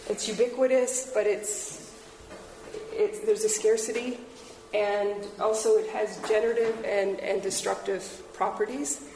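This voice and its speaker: Halting woman artist talk, echoey gallery hall, faint ambience. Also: medium pitch, a little mellow, a little hiss or hum. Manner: hesitant, halting, many fillers and restarts. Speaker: installation artist. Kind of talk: artist talk about her work.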